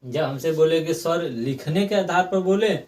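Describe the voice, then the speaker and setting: A young male teacher with a fairly high voice, picked up from a little way off the mic. He drills exam-prep grammar, keeps circling back to the same points, and stretches sounds out slowly when he demonstrates them. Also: a little mellow, far from the mic. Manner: repetitive, asks and answers own questions.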